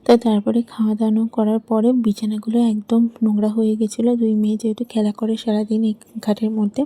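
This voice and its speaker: Chatty young mom, soft husky voice. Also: female voice, mid-range voice, monotone, dry recording. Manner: chatty, rambling, fills pauses with "I mean". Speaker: mother of two little daughters, home vlogger. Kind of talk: casual home vlog narration. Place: at home, bedroom and kitchen.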